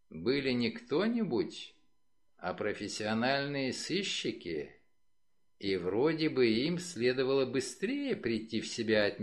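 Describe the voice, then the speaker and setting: A man narrating a detective audiobook in a measured, expressive way. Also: medium pitch. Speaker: audiobook reader.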